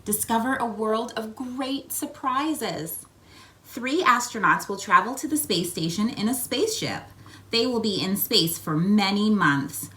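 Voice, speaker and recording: In a low-quality recording, a woman with a mid-range voice reads a picture book for children at a slightly slow pace. She is a read-aloud host who storytells expressively, coaxes kids with questions and asides, and acts out sound words.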